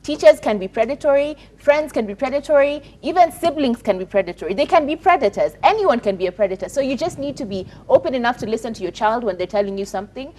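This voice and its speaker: A woman's voice: a little high, expressive, fast, few pauses, a little mellow. A woman with a Kenyan accent giving personal commentary as a talk show panelist, earnest and emphatic, repeating words and phrases to press her point.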